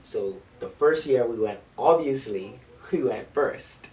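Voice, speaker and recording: A man's voice: mid-range voice, expressive, slow pace, a little mellow, far from the mic, poor audio. A man who directs a school band, talking eagerly in an interview with lots of ums and restarts. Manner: eager storyteller with frequent um and restarts. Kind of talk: conversational interview. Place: library.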